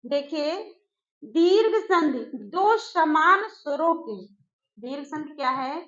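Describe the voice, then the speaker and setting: A woman teacher giving an exam-prep grammar lesson, slowly repeating key phrases and putting questions to her students. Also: high-pitched, animated, a bit bright. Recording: echoey room, dull lo-fi sound.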